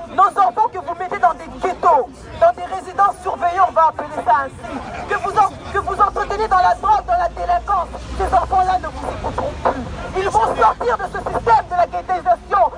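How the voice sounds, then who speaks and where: A woman's voice: extremely high pitch, rough recording. A woman from France giving a fierce, declamatory protest speech outdoors, repeating her phrases for emphasis. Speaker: protest speaker. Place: outdoor street rally. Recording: loud crowd at an outdoor street rally. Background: loud crowd, traffic.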